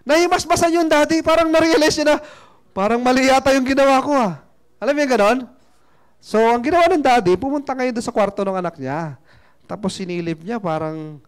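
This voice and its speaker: Chatty high-voiced male seminar speaker. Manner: chatty, playful, asks the audience questions. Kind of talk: motivational seminar talk with storytelling.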